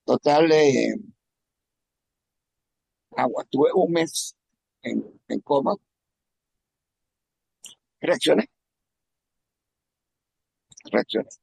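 A man from Venezuela telling a personal testimony in a halting, emotional way, often repeating words. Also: medium pitch, animated, vocal fry, a little mellow, breathy edge, no echo. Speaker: testimony speaker.

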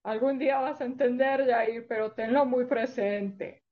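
A woman voicing a gentle old grandmother who gives patient advice in a soft, low voice. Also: steady tone, measured pace, natural voice. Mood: tender. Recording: dull lo-fi recording.

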